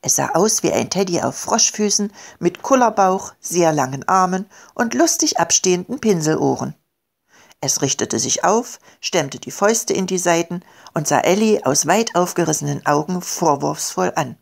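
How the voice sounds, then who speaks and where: A woman reading aloud her own children's story, with calm, expressive storytelling. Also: on the low side, moderate pace, vocal fry. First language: German. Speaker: author and reader.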